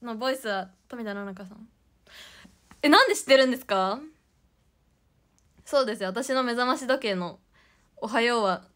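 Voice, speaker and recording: A woman's voice: a little high, bright, forceful tone. A young woman hosting a casual idol livestream, giggly and chatty as she reads out viewer comments.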